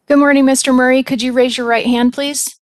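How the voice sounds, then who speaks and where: A woman's voice: high voice, little pitch movement, fairly quick, no room sound, clean studio sound. A woman presiding as judge over a formal remote hearing, polite and procedural in her manner. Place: remote hearing by audio and video link.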